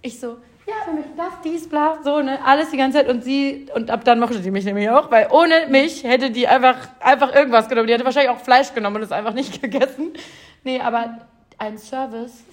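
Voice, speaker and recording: A young woman in casual chat, telling a story with animated quoted voices and frequent laughter. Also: high-pitched, fairly quick.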